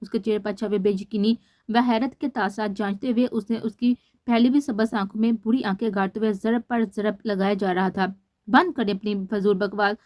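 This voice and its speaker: Mellow-voiced woman reading a novel aloud. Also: mid-range voice, steady tone, fairly quick, no echo. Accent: Pakistani Urdu. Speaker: novel reader.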